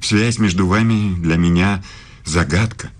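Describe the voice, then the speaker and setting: Low-pitched and a little slow, this male actor voices a radio play's confident, evasive professor and hidden lover with formal, pedantic speech. The mood comes across as jealous and probing.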